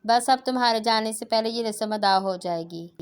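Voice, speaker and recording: A middle-aged mother lays down the law calmly in a storybook reading, voiced by a woman. The tone is firm and clear. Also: a little high, normal speed, natural voice. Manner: calm, dismissive, firm.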